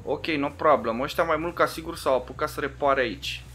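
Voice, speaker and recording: A man with a Romanian accent commentating his own video game play in a loose, casual way, taunting the other players, swearing and shouting when things go wrong. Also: a little high, faint music behind.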